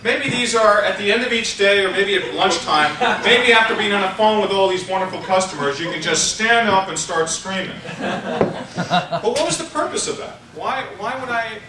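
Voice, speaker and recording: A man running a live sales training seminar in a large room, animated and playful, shouting instructions to volunteers. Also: sits high, moderate pace. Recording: echoey room recording from far off, noisy.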